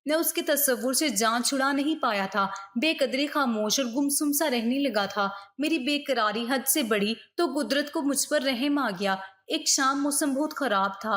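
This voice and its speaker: High-voiced woman narrating a story. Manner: steady, expressive reading.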